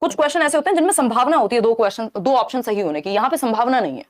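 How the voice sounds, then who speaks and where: A woman's voice: on the high side, lively intonation, rapid-fire. A woman teacher running a live online exam-prep class, explaining step by step, slipping in English terms and often checking that listeners are following.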